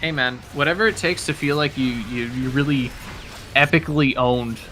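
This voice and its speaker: A man's voice: medium pitch, normal speed, noisy background. A man hosting a casual gaming stream, rambling with lots of fillers and swearing freely. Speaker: host.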